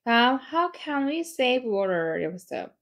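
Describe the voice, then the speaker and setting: Woman teacher, gravelly, methodical grammar explainer. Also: fairly high pitch, big pitch swings, a bit bright. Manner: explains step by step, reads English sentences slowly. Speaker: English teacher. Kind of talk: grammar lesson.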